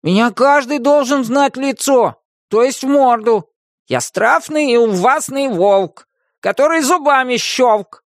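A man voicing a small, boastful male wolf cub who shouts and sobs with a gravelly voice. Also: extremely high pitch, measured pace, dry recording, clean studio sound, voice pushed up. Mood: boastful angry. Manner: shouting, then sobbing.

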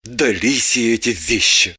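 Woman doing a glum reserved man, low subdued voice, terse, evasive answers. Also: unhurried, pushed and bright, husky, full character voice. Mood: gruff. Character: gloomy, reserved man at a hospital bedside.

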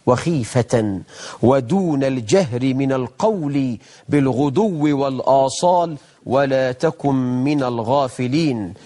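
Egyptian sheikh guy on a religion tv show, kinda high voice, lively, mimics folks then recites slow. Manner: lively, mock-imitates people, then slows for solemn recitation. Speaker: TV religious program host, sheikh. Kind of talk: religious lesson in colloquial talk with recited verses.

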